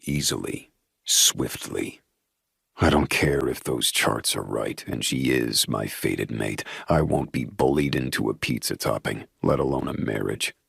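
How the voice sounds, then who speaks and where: A man narrating a romance audiobook in the first person, brooding and measured. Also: a bass voice, vocal fry, fairly bright tone, husky, no echo, studio quality.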